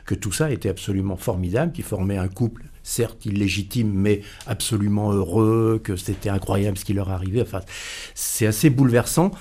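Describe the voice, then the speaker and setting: A man giving a film review on a radio show in the studio. His voice is low and mellow, and his delivery is earnest, full of hesitations and repeated words. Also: brisk, slightly rough. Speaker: film critic.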